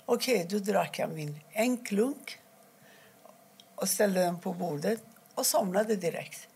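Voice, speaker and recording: Gravelly husky-voiced woman telling her story. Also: mid-range voice, a little mellow. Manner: halting, with restarts and quoted dialogue. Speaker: interviewee. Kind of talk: personal account in an interview.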